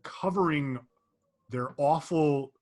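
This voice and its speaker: A young man with a slightly husky, breathy voice talks through a film in an easygoing, reflective way. He laughs readily and builds his thoughts as he goes, in a relaxed podcast conversation. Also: on the high side, slow pace. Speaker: podcast co-host. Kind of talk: casual chat.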